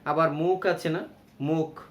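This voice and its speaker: A man teaching a grammar lesson to young pupils, listing words slowly and checking in with "ok?" as he goes. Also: on the high side, fairly even intonation. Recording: echoey room with faint ambience.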